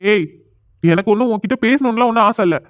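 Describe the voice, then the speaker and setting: A man voicing a proud, quick-tempered young man in a cartoon drama, arguing bluntly. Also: high voice, dry recording, lightly acted. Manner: argues fast and bluntly. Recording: tinny phone-like sound.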